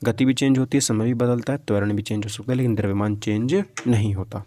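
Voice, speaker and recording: Speaking fast in a steady, dark tone on the low side, a man teaches exam-prep physics in a casual lecture style. He reads out questions, explains them, repeats himself frequently, and checks that listeners follow. There's no room sound.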